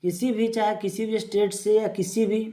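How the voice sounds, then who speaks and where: A teacher giving an exam-prep lecture, reading English definitions slowly and then explaining them in Hindi with everyday examples, in a loose, rambling delivery with frequent restarts. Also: medium pitch, little pitch movement, dark tone.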